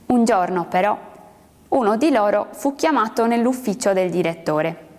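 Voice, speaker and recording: A woman narrating a literary story aloud in a measured, expressive reading. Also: mid-range voice. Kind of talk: audiobook reading of literary fiction. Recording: long hall reverb.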